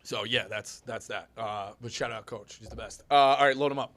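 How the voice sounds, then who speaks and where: A man in his thirties hosting a sports talk show, animated and telling stories with acted-out quotes. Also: medium pitch, a little fast. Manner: animated, storytelling, acts out quotes. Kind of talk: casual sports radio chat.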